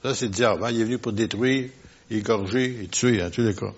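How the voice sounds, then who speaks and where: A man preaching a sermon. He talks with the congregation in a conversational way, asks them questions, and swings from quiet asides to loud, emphatic bursts. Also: lowish voice, brisk, breathy edge. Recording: lo-fi, dull sound.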